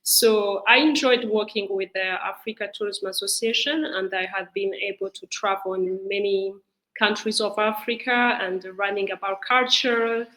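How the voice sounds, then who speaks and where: A woman's voice: medium pitch, fairly even intonation, a bit bright, low-quality recording. Rwandan woman speaking earnestly on a call. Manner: earnest, halting with "uh" fillers. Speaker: travel company founder, guest. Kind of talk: video call interview. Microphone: video call.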